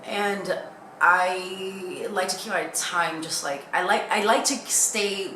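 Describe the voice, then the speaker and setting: A woman's voice: medium pitch, steady tone, slow, pushed and bright. A young woman chatting casually in a candid, rambling way that jumps from thought to thought, like a vlogger talking to viewers. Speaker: YouTuber. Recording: echoey room with faint background noise.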